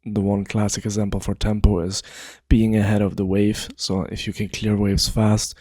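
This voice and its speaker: A man with a lowish voice talks through a game strategy idea in a loose, easygoing way, drifting into asides and leaning on lots of fillers. The sound is dry and close, with no room around him. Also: little pitch movement, moderate pace, a little mellow, slightly rough, no echo. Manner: laid-back, rambling, many fillers. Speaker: gaming video creator. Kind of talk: casual explainer monologue.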